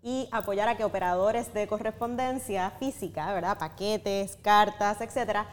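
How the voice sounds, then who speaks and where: A woman's voice: medium pitch, moderate pace, long reverb tail, a little hiss or hum. A woman, a company head, explaining her work eagerly as a podcast guest. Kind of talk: podcast interview.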